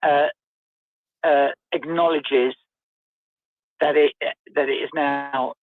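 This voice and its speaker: A man's voice: fairly high pitch, fairly even intonation, slow, dry recording. A man calling in to a radio phone-in, chatting and joking, his voice muffled as if he were at the bottom of a well. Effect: muffled phone line, as if down a well. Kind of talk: casual chat. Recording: tinny phone line.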